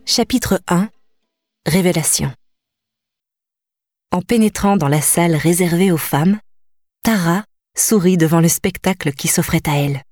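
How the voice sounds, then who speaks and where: A woman reading a children's novel aloud as audiobook narration, calm and even. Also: on the low side, a little slow, pauses often, no echo, clean studio sound, faint music behind. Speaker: audiobook reader.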